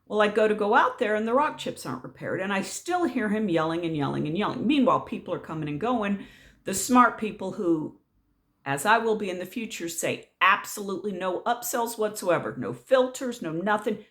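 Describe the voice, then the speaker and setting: A middle-aged woman telling a story straight to her channel in a loose, ranting way. She sounds exasperated and sarcastic, with animated swings in her delivery. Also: medium pitch, fairly quick. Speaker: vlogger. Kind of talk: casual storytelling rant.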